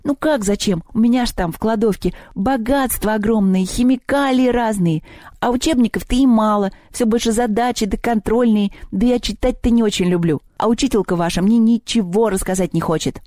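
A woman's voice: a little high, a little fast, dark tone, no echo, studio quality, voice pushed up, lightly acted. A woman voicing a whiny, mischievous little male house spirit in a storybook reading. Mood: grumbling. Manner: wailing, whining, sulky.

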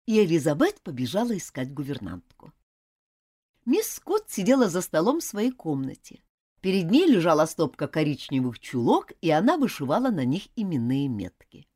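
A woman narrating a children's audiobook in an expressive storytelling manner. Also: deep voice, normal speed, breathy edge.

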